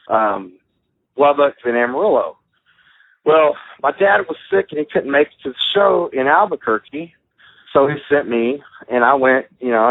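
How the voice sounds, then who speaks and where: A former pro wrestler, appearing as a guest on a dry phone-line call, tells stories casually in a medium-pitched voice. He's blunt, swears freely, and acts out other people's lines.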